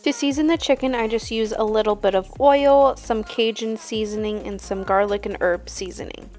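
A young woman hosting a cooking channel, explaining each recipe step in a relaxed, casual voice-over. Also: fairly high pitch, normal speed, faint music behind.

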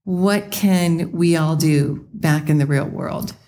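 A woman's voice: deep voice, slow, warm tone. A woman co-hosting a podcast, earnest and encouraging in a reflective chat. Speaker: podcast co-host.

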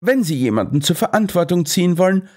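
A man doing a lively, self-assured master detective. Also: high-pitched, fast, pitched above the performer's own voice. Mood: lecturing. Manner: lecturing, triumphant.

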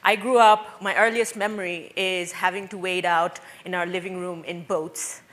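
A Bangladeshi woman in her thirties gives a personal talk on stage to a seated audience in a dark hall, wearing a headset mic. Her voice is lowish, steady, and a bit bright, at normal speed, and she sounds earnest and reflective, hesitating often.

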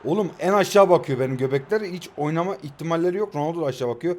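A young man in his twenties with a high voice calls his own mobile football match as it plays out. He is excitable, yells player names on every attack and curses at the game in good fun. His pitch sits well above most men's. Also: very fast. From Turkey. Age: 20s. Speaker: mobile football gaming YouTuber. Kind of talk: live gameplay commentary.

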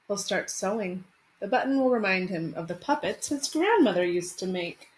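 A woman's voice: mid-range voice, lively intonation, normal speed, low-quality recording. A woman in her thirties, an elementary school teacher speaking expressively and simply to children, as when reading a picture book. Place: small room at home. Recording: home webcam recording with faint noise.

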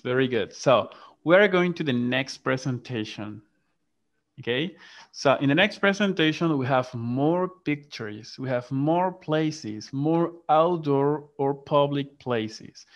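A man teaches an English lesson over a video class, switching between Spanish and English as he goes. He speaks very slowly and patiently, repeating each word so students can follow. The sound is muffled, like compressed call audio. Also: a little high, lively intonation. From Latin America. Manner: patient, repeats and drills words aloud.

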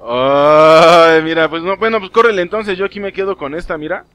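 A young man with a Mexican Spanish accent, giving live gameplay commentary, excitable and swearing often as he talks to game characters. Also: sits high, quick pace, dry recording. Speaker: gaming streamer.

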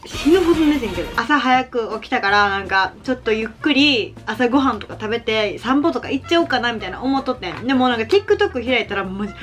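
Background music plays under a young Kansai-accented vlogger, a little high and fast and lively, as she chats while eating. She's chatty, giggly and self-deprecating.

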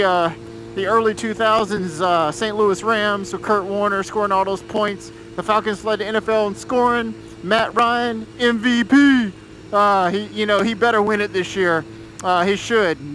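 A man's voice: high-pitched, sharp tone. An American man in his thirties from Georgia chats casually from inside his helmet while riding a motorcycle. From Georgia, United States. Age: 30s. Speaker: motorcycle vlogger. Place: outdoors on a moving motorcycle. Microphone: mic inside a helmet. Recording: muffled helmet mic with road noise.

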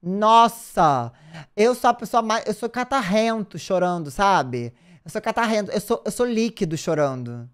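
A Brazilian host reacting casually and animatedly on a live stream, answering the chat. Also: male voice, sits high, lively intonation, measured pace, clean tone.

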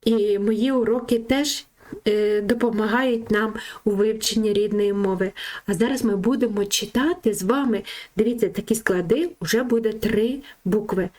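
A woman's voice: mid-range voice, a little mellow. A woman teaching a children's reading lesson, sounding out syllables one by one and praising her pupils. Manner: slow, syllable-by-syllable, encouraging.

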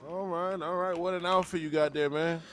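A man's voice: fairly high pitch, steady tone, brisk, fairly bright tone. A man in casual in-character game chat, talking slangily over faint ambient noise.

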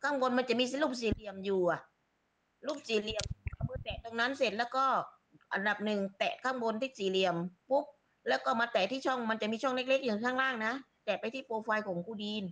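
A woman admin helps run an online class over a video call. Her voice is somewhat high, and she speaks briefly and politely, walking a student through steps one at a time. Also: quick pace, slight background noise. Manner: brief, polite, gives step-by-step instructions.

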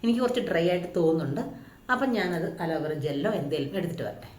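This Kerala-born beauty vlogger talks rapid-fire in a deep, slightly mellow voice with lively intonation, chatting casually in her home vlog and often ending lines with a question to viewers, all in a Malayali accent. The room echoes, and there's a little hiss or hum.

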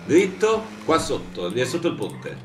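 A man's voice: medium pitch, huge pitch swings, moderate pace. A man improvising in character as a lawyer during an online role-play game. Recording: roomy sound with clear game noise.

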